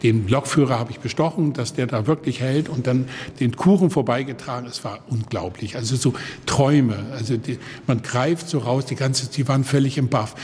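A man around seventy with a husky voice tells lively stories as a guest and acts out the people in them. His speech has a middling pitch. The recording carries a long reverb from a large room. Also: normal speed, few pauses. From Baltic coast of Germany. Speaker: guest, organ builder. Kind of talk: anecdotal storytelling in conversation.

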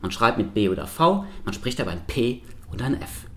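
A man, a linguist, giving a playful science slam talk with lively spoken examples. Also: medium pitch, fairly quick.

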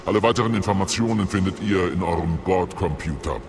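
Man as a low-voiced, formal alien official, grave and ceremonious, over music. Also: quick pace, noisy background, natural voice. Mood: stern. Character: stern alien government official giving a mission. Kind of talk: children's radio play. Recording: music playing beneath the voice.

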